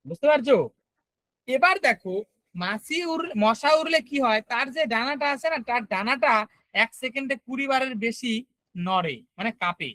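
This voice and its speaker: A man's voice: extremely high pitch, animated, moderate pace, a bit bright, no room sound, poor audio. A man teaching an online class, explaining step by step and often checking whether students follow.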